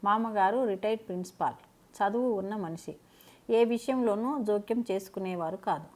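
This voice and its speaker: A woman narrating a scripted family drama in a steady, dramatic storytelling manner. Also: mid-range voice, normal speed.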